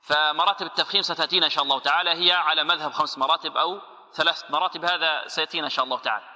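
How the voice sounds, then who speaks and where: Male Quran teacher, bright and raised pitch, drills pronunciation slowly, long hall reverb. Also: steady tone. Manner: asks the class questions, then answers them himself; slowly models each word and corrects errors. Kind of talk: tajweed lesson.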